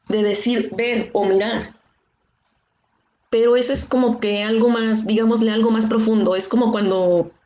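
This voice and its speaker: A woman's voice: mid-range voice, a little mellow, roomy sound. A woman with a Mexican Spanish accent, an English teacher patiently explaining grammar in an online class and often checking with "¿sí?". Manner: patient, checks understanding with frequent "¿sí?".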